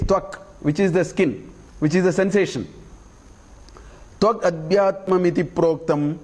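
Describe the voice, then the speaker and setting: A man giving a classroom lecture on scripture. He chants Sanskrit verses slowly and then explains them, often checking in with his students. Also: a little high, darkish tone. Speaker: Vedanta teacher.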